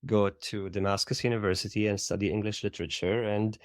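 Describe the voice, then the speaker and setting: Interview guest: Syrian-accented man, middle-aged, low and reflective, lots of "like" and "right?". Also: fairly even intonation, a little fast, no echo, studio quality. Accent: Syrian Arabic. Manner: reflective, uses "like" and "right?" often. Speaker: guest, theater educator. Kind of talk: conversational interview.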